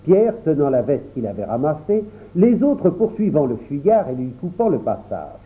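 A man reading a children's story aloud in an expressive storytelling manner, in a tinny phone-like recording. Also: fairly high pitch. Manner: animated, unhurried storytelling. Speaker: storybook reader.

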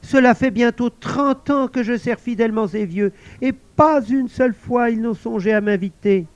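A man's voice: extremely high pitch, moderate pace, clear, resonant tone, no room sound, voice pushed up. A man voicing an invisible male servant spirit, loyal and eager to please, in a storybook tale. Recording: dull lo-fi dry recording.

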